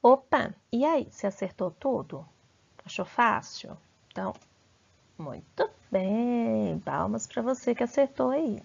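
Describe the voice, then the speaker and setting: A woman's voice: fairly high pitch, lively intonation, measured pace, vocal fry, a little mellow, husky, muffled recording. Encouraging Brazilian woman teaching grammar. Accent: Brazilian Portuguese. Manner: encouraging, asks the class questions and praises answers. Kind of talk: grammar lesson over slides.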